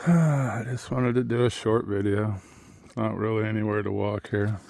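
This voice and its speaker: A man's voice: lowish voice, steady tone, moderate pace, creaky, darkish tone. A man vlogging in a rambling, plain-spoken monologue as he walks outdoors, musing and drifting from one thought to the next. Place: outdoors on a muddy tidal shore.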